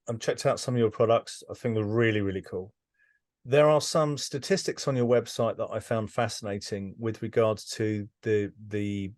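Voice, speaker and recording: A man's voice: lowish voice, darkish tone, dry recording, studio quality. A man hosting a business interview, enthusiastic and repeating words as he restarts his questions. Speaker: interviewer, host.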